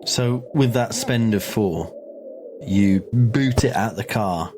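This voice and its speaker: A man's voice: on the low side, takes it slowly, noisy background. A man narrating a tabletop game as game master, dry and wry.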